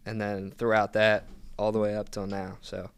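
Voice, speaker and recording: A man's voice: fairly low pitch, completely flat delivery, normal speed, clear, resonant tone. A young man from Philadelphia, a podcast guest chatting casually with lots of "um"s and restarts. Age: young adult. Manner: easygoing, many "um"s and restarts. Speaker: guest, pro soccer player.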